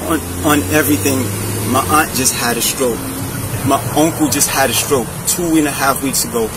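A man's voice: mid-range voice, normal speed. A man pleading desperately during his arrest at the roadside, captured by an officer's bodycam. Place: roadside, outdoors. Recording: loud roadside noise on bodycam.

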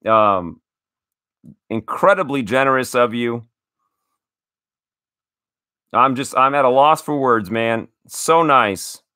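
A man's voice: medium pitch, lively intonation, slow, pauses often, pushed and bright, dry recording, studio quality. A man hosting a casual card-opening show, enthusiastic and grateful, often restarting his sentences. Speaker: card collecting show host.

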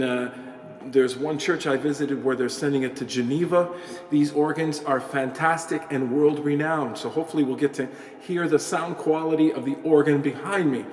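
A man's voice: fairly high pitch, slight background noise. Forties male vlogger, upbeat and chatty with fillers; camera mic, roomy church echo. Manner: enthusiastic, chatty, with hesitant fillers. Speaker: videographer and vlogger. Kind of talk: casual vlog explanation. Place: large empty church with wooden ceiling. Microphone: camera mic at arm's length. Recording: echoey church with long natural reverb.

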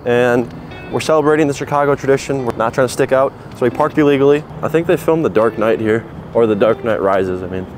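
A man's voice: medium pitch, fast talker, faint music behind. A young man filming a road trip vlog, chatting casually and jokingly to the camera from inside a van. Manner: laid-back, joking. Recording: loud road and engine noise.

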